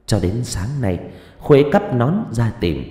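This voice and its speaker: A man narrating a story in an expressive, measured storytelling manner. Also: fairly low pitch. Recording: reverberant room with faint background music.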